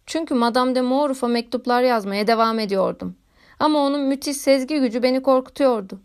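Woman narrator, audiobook of a classic novel, measured literary reading, high voice. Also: clear, resonant tone. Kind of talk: scripted narration.

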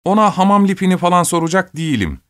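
Man doing earnest gentle young man, slightly raised voice, dry close sound. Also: high voice, expressive, quick pace, dry recording, voice pushed up.

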